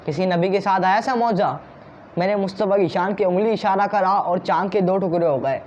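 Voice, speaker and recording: A man's voice: sits high, fairly quick, darkish tone, lo-fi sound, slight background noise. A man preaching a devotional sermon with fervour, using rhetorical questions to stir his listeners. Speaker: Islamic preacher.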